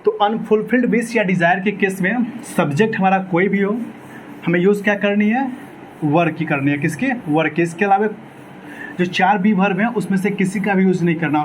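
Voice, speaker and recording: A man's voice: high voice, brisk, slight background noise, low-quality recording. A man teaching an exam-prep English grammar lecture, asking his own questions and answering them, repeating key words.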